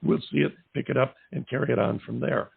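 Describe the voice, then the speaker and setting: A man hosting an awards show interview, chatting casually with rambling asides in a gravelly, raspy voice. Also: medium pitch, steady tone, fast, a little hiss or hum. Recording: tinny phone-like line.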